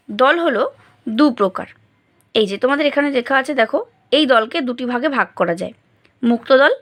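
A woman with a high, light voice teaches a grammar lesson to schoolchildren. She explains patiently, step by step, and breaks words into syllables as she says them aloud. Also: a bit bright.

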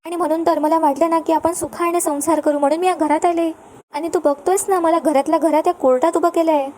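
A woman's voice: extremely high pitch, steady tone, a little fast, mellow, a little hiss or hum. A woman reading out a scheming young wife faking hysterics. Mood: melodramatic wailing. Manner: wailing, self-pitying outbursts.

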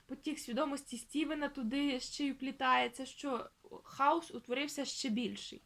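A woman talks through her thoughts on a novel in a relaxed vlog. Her voice sits a bit high, and she wanders with fillers and restarts. When she quotes the book, she slows down and spells words out piece by piece. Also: gravelly. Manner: chatty, thinking aloud with many fillers and restarts; reads quoted passages aloud slowly, spelling words out. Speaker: book vlogger. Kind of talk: casual book vlog talk.

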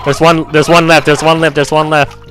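A man hosting a co-op video game, yelling frantic commentary and repeating himself. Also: on the high side, flat delivery, brisk, faint music behind. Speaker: gaming host. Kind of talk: excited gameplay commentary.

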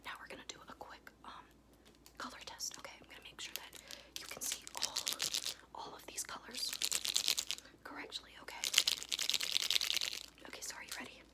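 A young woman doing a fast, aggressive ASMR whispered role-play, chaotic and repetitive, close to the mic. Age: young adult. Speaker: ASMR performer. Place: small indoor room at home.

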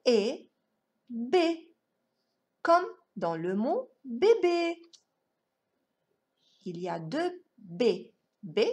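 Woman, preschool teacher, very slow careful delivery, fairly high voice, exaggerated enunciation. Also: darkish tone. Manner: sing-song, exaggerated enunciation, stretching out words. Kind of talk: slow, deliberate phonics lesson for young children.

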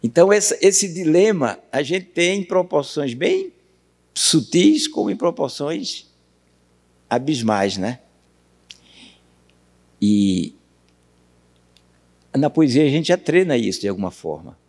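Lively Brazilian man lecturing in a hall. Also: a little high. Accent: Brazilian Portuguese. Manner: questions the audience, recites verse slowly. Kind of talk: university lecture on poetry. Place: university auditorium. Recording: long hall reverb.

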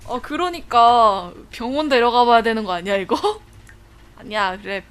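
A young woman streaming a life-sim game, chatting to viewers and breaking into excited laughing shrieks. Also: on the high side, moderate pace, clear, resonant tone. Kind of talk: casual livestream commentary.

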